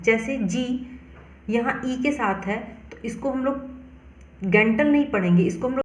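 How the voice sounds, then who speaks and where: A woman teaching English pronunciation, explaining rules slowly and spelling words out letter by letter. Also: on the high side, echoey room. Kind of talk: explanatory lesson.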